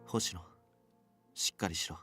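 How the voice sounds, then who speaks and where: A man voicing a gruff, curt young male detective in a story game. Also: brisk, sharp tone, faint music behind, natural voice. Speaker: game character. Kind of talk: anime-style game voice acting.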